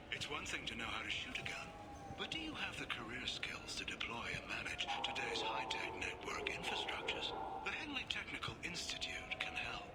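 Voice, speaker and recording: A man voicing a slick male announcer in an in-world advertisement. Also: lightly acted. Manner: salesy, pitching.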